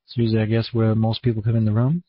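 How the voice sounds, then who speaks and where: Husky man with a Maine accent. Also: lowish voice, monotone, racing, dry recording. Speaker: conference call host. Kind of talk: casual, rambling online presentation. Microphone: online conference room call. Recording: dull, muffled lo-fi audio.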